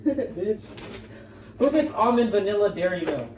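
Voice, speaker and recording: A young man vlogging in his kitchen, talking casually into a camera mic in a flat, monotone way and swearing freely. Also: high voice, unhurried, slight background noise. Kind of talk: casual chat. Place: home kitchen, indoors.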